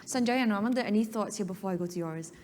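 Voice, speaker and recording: A woman's voice: mid-range voice, quick pace, darkish tone. A woman moderating a conference panel, thanking speakers and passing the floor along politely. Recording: distant mic in reverberant hall, faint hum.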